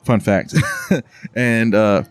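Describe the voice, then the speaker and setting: A man's voice: fairly low pitch, steady tone, extremely slow, smooth. A man hosting a podcast, telling stories in a casual, profane way and laughing often. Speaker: podcast host. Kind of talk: casual chat.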